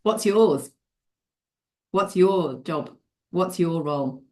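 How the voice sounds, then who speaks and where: A woman leads an interactive leadership webinar over a video call. She talks in a lively, encouraging way, laughs often and calls on participants by name. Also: on the low side, slow pace. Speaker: leadership mentor running a webinar.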